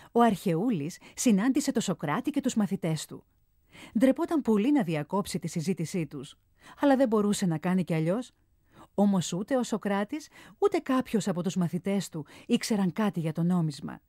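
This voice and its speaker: A woman reading a children's storybook aloud in a clear, expressive narrating voice. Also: medium pitch, no room sound, clean studio sound.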